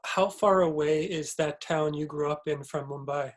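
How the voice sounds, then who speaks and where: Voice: mid-range voice, moderate pace. An interviewer asking questions in a casual chat, friendly and hesitant, often repeating words as he searches for them.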